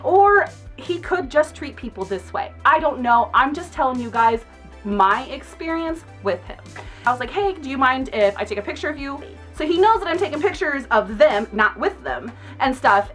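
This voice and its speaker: A high, bright young woman spins a casual vlog storytime, her pitch leaping around as she talks. She is outspoken and laughs often, with faint music under her voice. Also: animated, normal speed. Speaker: makeup artist vlogger.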